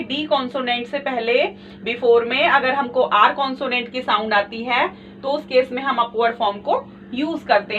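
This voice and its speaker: A woman with a high, bright voice walks through a shorthand lesson, patiently repeating each rule and calling her viewers friends. She sounds a little distant from the mic. The recording is dull and lo-fi, with a faint hiss under it. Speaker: shorthand teacher. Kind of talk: step-by-step tutorial explanation.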